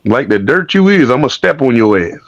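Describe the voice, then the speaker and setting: A man's voice: medium pitch, sing-song, fairly quick, no room sound, muffled recording. A man in casual online talk, blunt and profane, who often repeats words and restarts his sentences. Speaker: online talk show guest. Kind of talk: casual chat.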